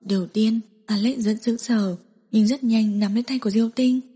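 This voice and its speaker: A woman narrating a romance audiobook in a soft, even storytelling manner, with an echoey hall sound. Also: fairly high pitch, moderate pace, slightly rough.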